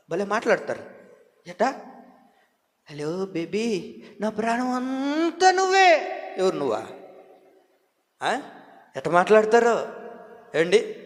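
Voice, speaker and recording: A man preaching a sermon as pastor, swinging between loud outbursts and quiet asides and asking the congregation questions. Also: high-pitched. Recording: long hall reverb.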